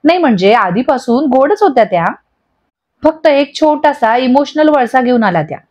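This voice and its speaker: A woman voicing a gentle, level-headed young wife who talks calmly and scolds softly. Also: high-pitched, normal speed. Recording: dull lo-fi audio.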